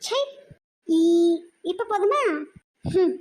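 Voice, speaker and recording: A woman voicing an anxious, tearful young woman student in a cartoon, fretful and quick to argue. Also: extremely high pitch, lively intonation, slight background noise, full character voice. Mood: upset, sulky. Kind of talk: cartoon voice acting.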